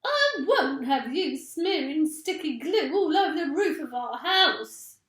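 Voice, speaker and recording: A woman voicing a shrill, nasty, scolding wife from a children's storybook. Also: big pitch swings, slow pace, a bit bright, reverberant, exaggerated voice.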